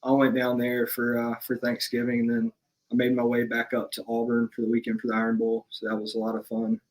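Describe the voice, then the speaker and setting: A young man from Alabama speaks as a podcast guest, laid-back and matter-of-fact. His voice stays flat, without much rise and fall, at a middle pitch. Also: brisk, rough recording. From Alabama, USA. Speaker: podcast guest, business owner. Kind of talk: casual interview chat.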